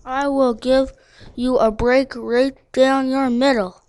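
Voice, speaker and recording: A woman's voice: sits high, flat delivery, slow pace, a little mellow, clean tone. A woman voicing a weary old male dog in a storybook, drawling with a sardonic edge. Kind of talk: storybook read-aloud.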